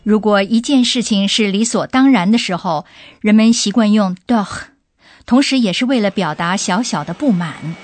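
A woman's voice: mid-range voice, moderate pace, no room sound. A woman hosting a radio language lesson, guiding the talk by putting questions to the professor. Her voice sits in the middle range and is recorded close and dry. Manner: asks the expert leading questions.

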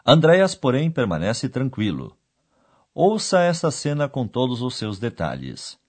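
A man hosting a radio language course, explaining clearly in a didactic, scripted narration. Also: medium pitch, wildly swooping pitch, measured pace.

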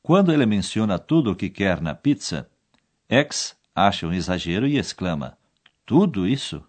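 A man's voice: lowish voice, big pitch swings, moderate pace, a little mellow. A man narrating a language course in scripted style, explaining each scene and repeating the key foreign words.

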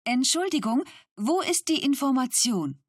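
A woman reading example phrases for learners, slowly and with careful enunciation. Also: high voice, sing-song, husky, no echo, clean studio sound. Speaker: language course model speaker. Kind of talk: slow model pronunciation.

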